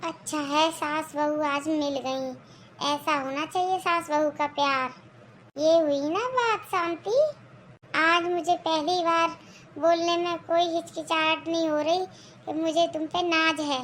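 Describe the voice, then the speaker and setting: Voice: very high voice, fairly even intonation, takes it slowly, fairly bright tone, a little hiss or hum, voice pushed down, exaggerated voice. A performer voicing a middle-aged father in a homemade cartoon, stern and approving. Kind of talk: cartoon voice acting.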